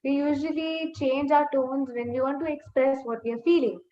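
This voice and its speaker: Woman, language teacher, high voice, step-by-step explaining, echoey dull webinar audio. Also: steady tone, moderate pace, mellow. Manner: explains step by step, stretching and singing out demonstration syllables. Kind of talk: online class lesson. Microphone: computer mic on a video call.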